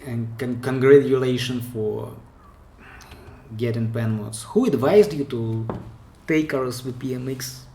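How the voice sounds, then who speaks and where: Slow-talking man with a Russian accent. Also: mid-range voice, warm tone, a little hiss or hum. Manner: chatty, hesitant, restarts mid-phrase. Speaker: pen spinning channel host. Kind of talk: casual commentary on viewer clips. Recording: echoey room.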